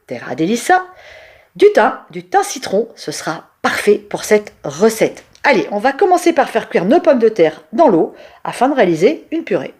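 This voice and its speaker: A woman hosting a home cooking show, chatting warmly and explaining each step of a recipe. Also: mid-range voice. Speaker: cooking channel host. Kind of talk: cooking demonstration. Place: home kitchen.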